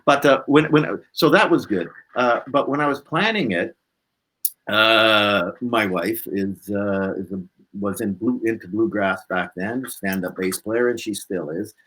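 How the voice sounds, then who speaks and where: In poor-quality audio, a man with a fairly low voice speaks at a measured pace as an interview guest. He's a blues musician spinning personal anecdotes in a lively way, performing bits of dialogue and tagging lines with "right?".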